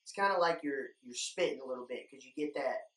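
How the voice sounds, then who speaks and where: This young video host teaches duck calling, giving an informal, plain-spoken how-to and addressing his viewers as guys. His pitch is medium, his pace fairly quick, his tone a bit bright. Duck decoys line the indoor room around him, and the distant microphone catches plenty of echo.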